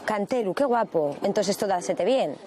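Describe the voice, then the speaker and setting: A woman's voice: mid-range voice, lively intonation, moderate pace, mellow, slight background noise. A woman with an Asturian accent hosting a travel show, chatty and teasing as she interviews villagers outdoors. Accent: Asturian Spanish. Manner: chatty, teasing, exclaims often. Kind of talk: on-the-street interviews. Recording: crowd chatter behind.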